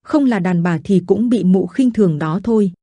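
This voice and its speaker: A woman's voice: mid-range voice, normal speed, dark tone, no echo, lightly acted. A woman voicing a bitter, drunken male teacher who hisses cold, scornful words. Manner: cold, scornful, hissing through teeth.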